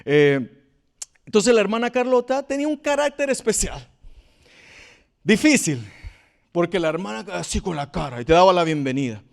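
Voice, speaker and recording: High-voiced animated storytelling pastor. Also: male voice, moderate pace, gravelly, pauses often. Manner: storytelling preacher, animated, acts out quoted people. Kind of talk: sermon.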